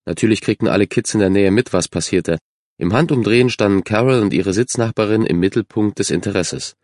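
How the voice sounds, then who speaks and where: A man giving scripted narration of a children's story in a measured, even way. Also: fairly low pitch, no room sound, studio quality. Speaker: audiobook narrator.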